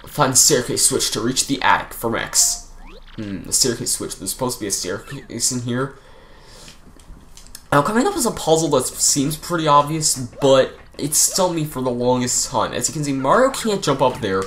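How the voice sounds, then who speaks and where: A man's voice: medium pitch, very animated, moderate pace, fairly bright tone, a little hiss or hum. Rambling young man narrating gameplay. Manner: rambling, chatty, lots of fillers and laughs. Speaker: let's play commentator. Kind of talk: casual gameplay commentary. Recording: faint game music behind.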